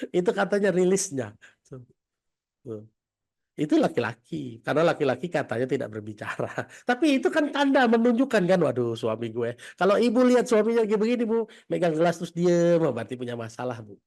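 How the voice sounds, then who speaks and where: High-voiced man giving a chatty religious talk. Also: darkish tone. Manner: chatty, asks the audience, laughs often. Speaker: Islamic teacher. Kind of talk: casual religious talk to an online study group. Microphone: video call.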